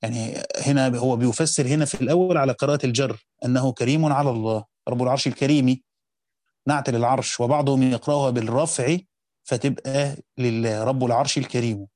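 A man with an Egyptian accent reading a classical commentary aloud and explaining it as a teacher. He reads quickly and slows down to explain points of grammar. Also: mid-range voice, fairly even intonation, darkish tone, dry recording, clean studio sound.

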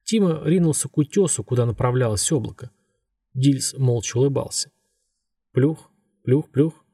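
A man with a husky voice narrating a story in a steady, measured way. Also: mid-range voice, no room sound, studio quality. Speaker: audiobook narrator. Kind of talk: scripted narration.

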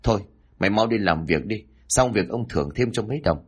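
A man voicing a stingy, domineering old village landlord in an audiobook story, gruff and threatening. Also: lowish voice, lively intonation, a little fast. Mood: commanding.

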